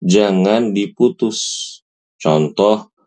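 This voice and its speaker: Man, recitation teacher, patient and repetitive, very low voice, slow. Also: dark tone. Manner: patient, repeats and models recitation slowly. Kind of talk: online recitation lesson.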